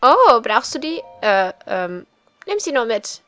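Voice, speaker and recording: A kindly, generous village character from a video game, read by a woman, speaks in a high, bright voice. The manner is friendly and obliging. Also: big pitch swings, takes it slowly, soft background music, full character voice. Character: kindly, generous villager greeting and helping a traveler.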